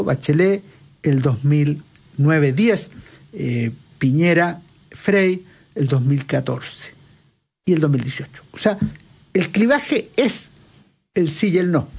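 A man with a notably high voice, speaking as an analyst in an interview. He explains at length in a lecturing manner, raising his own questions and answering them point by point. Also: gravelly, a little mellow, breathy edge. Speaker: political analyst guest.

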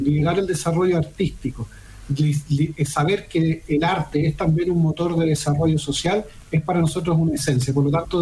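A man's voice: fairly high pitch, darkish tone, low-quality recording. A man, a theater foundation director, giving formal interview answers over a video call with frequent restarts. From Chile.

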